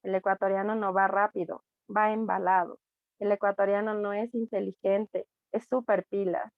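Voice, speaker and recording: A woman with an Ecuadorian accent, a student reading a text aloud in class, steady with small slips. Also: mid-range voice, normal speed, creaky, no room sound, narrow, tinny audio. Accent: Ecuadorian Spanish.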